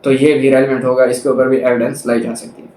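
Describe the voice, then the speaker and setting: A man with a Pakistani accent delivers an explanatory law lecture in a mid-range, level, darkish voice, talking fast. He restates points methodically and mixes in English legal terms, in an echoey, reverberant room.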